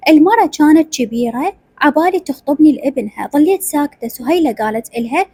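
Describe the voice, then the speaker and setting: A woman's voice: sits high, animated, quick pace, warm tone, dry recording. A woman with an Iraqi accent narrating a rural family drama in the first person, acting out each character. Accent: Iraqi Arabic. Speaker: storyteller.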